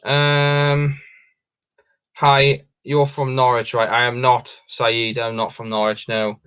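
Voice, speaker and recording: A man's voice: mid-range voice, monotone, takes it slowly, pushed and bright, clean tone. A young Welsh man hosting a casual livestream, reading out viewer questions and answering in a rambling way with many ums and restarts. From Wales. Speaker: livestream host. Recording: dull lo-fi stream audio.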